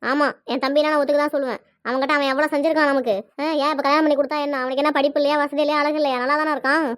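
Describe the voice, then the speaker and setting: A woman voicing a stubborn, sharp-tongued middle-aged mother in a cartoon, arguing defiantly in Tirunelveli Tamil. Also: high-pitched, little pitch movement, very fast, no room sound, clean studio sound. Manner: argumentative, defiant. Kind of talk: cartoon dialogue.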